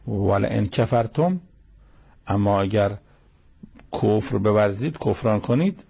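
Husky, gravelly man teaching scripture. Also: on the low side, expressive, mellow. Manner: explanatory, repeats key phrases for emphasis. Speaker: Quran commentator. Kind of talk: religious commentary lesson.

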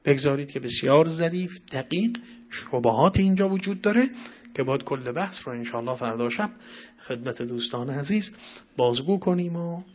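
A man preaching a scripture sermon, reciting verses slowly and then explaining them in a conversational way, moving between soft asides and loud, emphatic passages. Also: fairly high pitch, lively intonation, muffled recording. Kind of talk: Quran exegesis sermon.

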